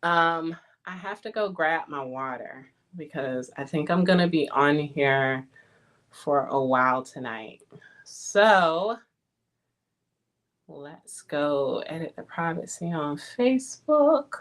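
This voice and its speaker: A woman's voice: deep voice, lively intonation, slow pace. A woman, hosting a casual livestream and chatting with viewers. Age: 40s. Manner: chatty, Southern-tinged "y'all" slang, laughs often. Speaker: livestream host.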